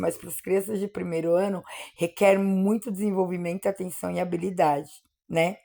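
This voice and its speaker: Woman, teacher, patient explainer, gravelly, warm dark tone. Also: medium pitch. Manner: patient, repeats and checks with "né?"; stretches out example words slowly.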